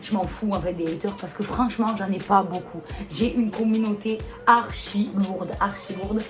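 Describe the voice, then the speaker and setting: Her mid-range voice stays steady at a normal pace while music plays underneath. A Marseille-accented YouTuber, she casually vlogs to camera and answers viewer comments in a blunt, exasperated manner, leaning on rhetorical questions.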